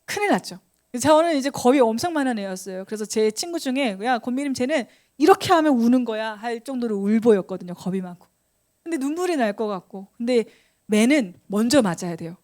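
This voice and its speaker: A woman pastor with a fairly high voice tells a story at a youth retreat. She acts out the scenes and voices as she goes. Her delivery is warm, lively and conversational. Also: a little fast. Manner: lively, animated storytelling, acting out childhood scenes.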